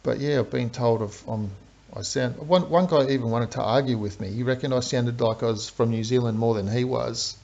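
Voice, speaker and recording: A man with an Australian accent streams a game, chatting through live commentary and explaining strategy step by step. His medium-pitched voice is creaky and a little mellow at a normal speed, and the stream audio is dull and lo-fi.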